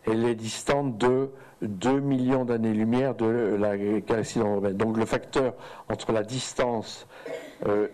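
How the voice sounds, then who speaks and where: Halting French-speaking man lecturing. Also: lowish voice, fairly even intonation, warm tone, poor audio. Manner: hesitant, halting with many fillers and restarts. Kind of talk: seminar lecture with slides. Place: lecture room.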